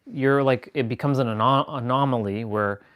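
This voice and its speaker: A man's voice: mid-range voice, moderate pace, a bit bright, smooth. A man hosting a live stream, talking in a rambling, self-assured spiritual monologue and restarting sentences as he goes.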